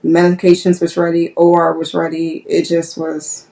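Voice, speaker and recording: A woman's voice: on the low side, completely flat delivery, normal speed, vocal fry, warm tone, distant mic. A woman, a nurse guest on a podcast, telling a personal story candidly and acting out past conversations. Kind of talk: personal story told in an interview.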